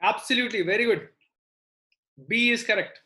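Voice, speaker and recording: A woman's voice: on the high side, normal speed, pushed and bright. A woman with a South Indian accent teaching a live online maths lesson, repeating phrases and often checking in with students.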